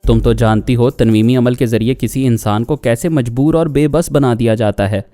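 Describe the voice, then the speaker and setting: A man's voice: medium pitch, moderate pace, mellow, no room sound, soft background music, lightly acted. A man voicing a torn young man who speaks in a coaxing, placating way.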